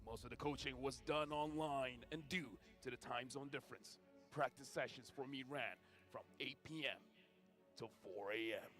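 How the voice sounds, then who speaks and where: A man putting on a deep, dramatic movie-trailer narrator voice, speaking slowly and portentously. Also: fairly bright tone, soft background music, natural voice. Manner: slow, low, portentous delivery.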